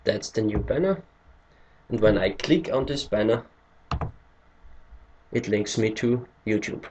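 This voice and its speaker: In this low-quality recording with a little hiss or hum, an Austrian man's fairly low, slightly slow, darkish voice carries a German-accented English tutorial. A native German speaker, he hesitates over his screen-recorded walkthrough, hunting for words along the way.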